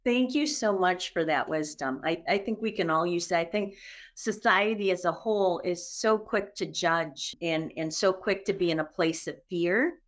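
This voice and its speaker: Affirming woman interviewer, low voice. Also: moderate pace. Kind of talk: interview hosting.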